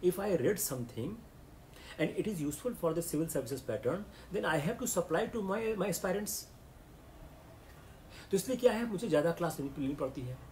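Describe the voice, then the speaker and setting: A middle-aged man with an Indian accent, lecturing a class of exam candidates and switching into slow, careful English. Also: a little high, lively intonation, a little mellow, slight background noise. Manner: mixes English into the talk, slow and deliberate in English. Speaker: civil services exam lecturer.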